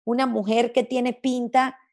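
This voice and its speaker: Her voice sits on the high side and carries a darkish tone, delivered flatly and without hurry. She's a gastronomy journalist from Venezuela, talking as an interview guest in a reflective, expressive way, and her Spanish has a blended Latin American accent that's difficult to pin down.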